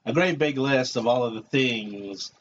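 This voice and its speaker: A man chatting casually during a board game, filling gaps with steady uh-huhs. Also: mid-range voice, unhurried, dull audio, a little hiss or hum. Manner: chatty, drops frequent uh-huhs. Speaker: board game stream player. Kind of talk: casual chat while playing.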